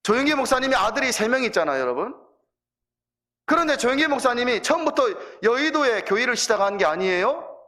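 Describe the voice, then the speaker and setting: A man's voice: very high voice, very animated, a little fast, sharp tone. A male pastor preaching in a church, telling a story animatedly and addressing the congregation directly. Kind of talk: sermon storytelling.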